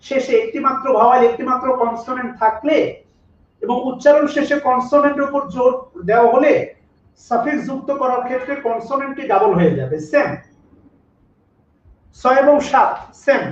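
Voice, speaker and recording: A man with a very high voice teaches grammar in a live online class, going over each rule again and again and asking the students to check in. He sounds set back from the mic in an echoey room, and the audio is dull and lo-fi. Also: brisk, pauses often, far from the mic, slight background noise. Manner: repetitive, drills rules and asks students to comment.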